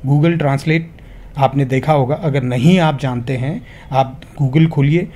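A man's voice: mid-range voice, takes it slowly, mellow, slight background noise. A man giving an earnest, motivational spoken lesson, calling viewers his friends and slipping English phrases into his talk. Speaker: English teacher.

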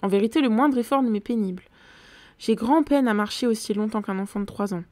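A woman's voice: a little high, fairly quick, a little mellow, no room sound, natural voice. A woman reading as a languid vampire girl. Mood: weary. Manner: languid, murmuring.

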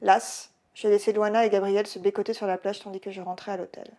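Woman author narrating her own novel, lively audiobook read. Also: mid-range voice, quick pace. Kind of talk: audiobook reading.

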